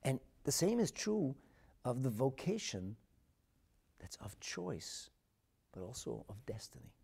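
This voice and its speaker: A man with a North American accent giving a religious sermon as a rabbi, emphatic and dramatic, phrasing deliberately and repeating for effect. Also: mid-range voice, vocal fry, slightly rough. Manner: emphatic and dramatic, swinging from hushed asides to loud declarations; deliberate phrasing with rhetorical repetition. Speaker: rabbi and Torah teacher.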